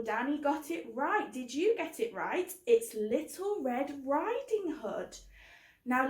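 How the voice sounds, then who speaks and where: A woman with a highish, dark-toned voice hosts a children's book club, explaining things simply and asking young listeners questions. It sounds like a scripted introduction for little kids, recorded in a roomy, echoing indoor space.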